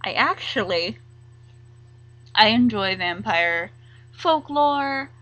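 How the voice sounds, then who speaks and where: A young woman talks to her webcam from a room at home, taking her time over each thought. Her pitch sits in a middle range, and she rambles, stops short and starts again, with filler words between her phrases. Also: lively intonation, sharp tone, no echo, dull audio. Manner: rambling, halting, full of "like" and "um". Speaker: vlogger. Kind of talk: casual chat to camera.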